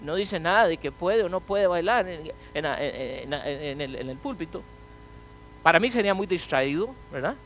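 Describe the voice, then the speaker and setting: A man preaching a sermon as pastor, asking the congregation rhetorical questions and swinging from loud to quiet. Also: fairly high pitch, animated, moderate pace, slight background noise, low-quality recording.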